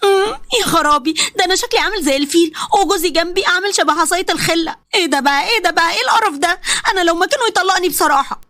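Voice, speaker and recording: A woman's voice: very high-pitched, racing, a bit bright, no room sound, clean studio sound. A woman voicing a self-conscious young wife with an Egyptian accent, complaining about her weight. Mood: plaintive. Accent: Egyptian Arabic.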